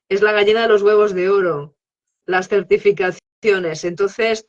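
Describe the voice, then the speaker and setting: A woman's voice: mid-range voice, muffled recording. A woman, a guest expert on English teaching, explaining her method in a live interview and checking in often with tag questions.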